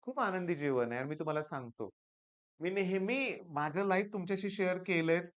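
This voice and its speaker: A man's voice: high-pitched, normal speed, dull audio. A man in his forties with a Marathi accent, a teacher giving students an earnest, reassuring motivational talk, tired and with a weaker voice than usual, often asking "okay?". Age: 40s.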